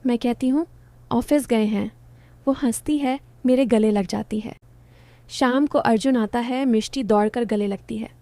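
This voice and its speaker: A woman narrating a first-person romantic story in short, gentle sentences. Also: fairly high pitch, a little slow, dry recording.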